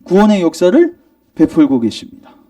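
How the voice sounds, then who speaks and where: Male pastor, sermon delivery, high and lively voice with a dark, mellow tone, heard from across a church sanctuary, asks and answers his own questions. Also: moderate pace, distant mic. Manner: questions the congregation and answers himself; emphatic, rising in argument.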